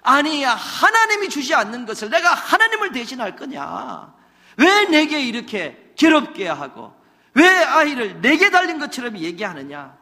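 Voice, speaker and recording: A man in a sermon voicing an exasperated husband who scolds his wife with loud rhetorical questions, heard with long hall reverb. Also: very high-pitched, big pitch swings, moderate pace, pitched above the performer's own voice, heavily acted. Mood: angry.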